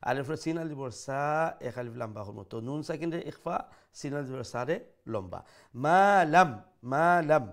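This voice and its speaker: A middle-aged man teaching Quran recitation, chanting verses slowly and explaining pronunciation in mixed with English. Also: medium pitch, expressive, vocal fry.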